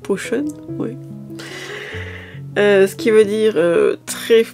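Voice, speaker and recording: A woman's voice: mid-range voice, slow pace, a little mellow, soft background music. A woman chatting casually through a shopping haul video, a little tired, hesitant, with many fillers and restarts. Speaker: lifestyle vlogger.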